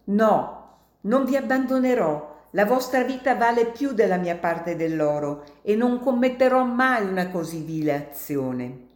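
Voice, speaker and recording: A woman voicing a brave, loyal young male villager who speaks in urgent, loud exclamations, read aloud as a storybook. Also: medium pitch, expressive, a little slow, reverberant, voice pushed up, close to an everyday voice. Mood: earnest.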